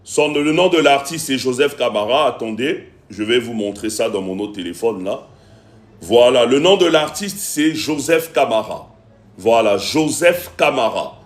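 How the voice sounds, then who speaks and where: A man who is a music producer hosts a casual live stream from his phone, speaking at a measured pace in an animated, medium-pitched voice. He repeats himself, uses many fillers, and pleads with viewers for support.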